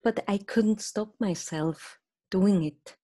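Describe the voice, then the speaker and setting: A woman from Switzerland with a Swiss German accent, a podcast guest on a video call, telling a personal story in a hesitant, soft-spoken way with many fillers. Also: mid-range voice, takes it slowly, no echo, clean studio sound. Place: small room indoors. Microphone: video call with earbuds.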